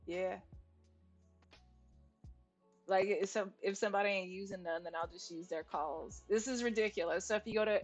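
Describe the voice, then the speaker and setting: A woman in her forties from Louisiana with a Cajun accent, rambling and self-interrupting as she writes and talks on a casual livestream. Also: mid-range voice. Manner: chatty, rambling, self-interrupting, laughs easily. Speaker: author and livestreamer. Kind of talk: casual think-aloud livestream. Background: faint music and keyboard typing.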